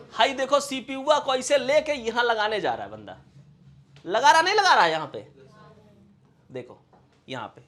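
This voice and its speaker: A male computer teacher leads a video lesson. He explains things playfully with homely comparisons and keeps firing quick "any confusion?" questions at his students. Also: very high-pitched, sharp tone. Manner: keeps checking for understanding with quick rhetorical questions. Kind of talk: classroom-style video lesson.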